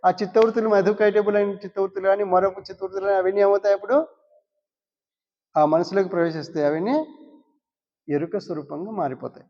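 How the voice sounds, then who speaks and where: A high-voiced man gives a spiritual discourse. He poses questions to his listeners and answers them himself, repeating key words. The recording is dull and lo-fi, and a long hall reverb trails each phrase. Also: fast talker, pauses often. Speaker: spiritual teacher.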